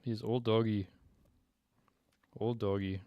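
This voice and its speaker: A relaxed man chatting on a livestream, often breaking into laughter. His voice sits a little low and sounds dark and mellow. The sound is dry and close, with no room echo. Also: slow pace, highs cut off. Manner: laughs often, talks to his dog in a soft coaxing baby voice. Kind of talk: casual livestream chat.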